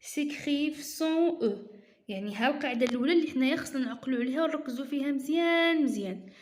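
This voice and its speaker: A woman's voice: high voice, fast talker, reverberant. A woman teacher with a Moroccan accent, explaining a lesson step by step and repeating key terms.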